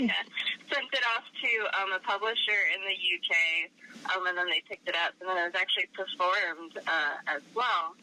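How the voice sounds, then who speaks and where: A woman's voice: on the low side, normal speed, sharp tone, rough recording. A young woman from Arizona with a cold, a guest author talking in a casual interview, chatty and giggly with many fillers. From Arizona, USA. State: has a cold.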